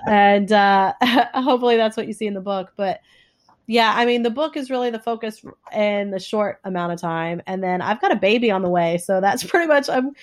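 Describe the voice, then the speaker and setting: A woman with a stuffy, congested nose talks conversationally as an interview guest, explaining things in a halting way. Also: mid-range voice. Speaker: interview guest, author and coach.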